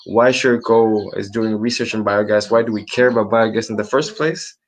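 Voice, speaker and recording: Speaking at a moderate pace in a fairly low voice, a male research assistant from Indonesia presents a webinar. It's a casual online talk through a computer mic, peppered with ums and restarts.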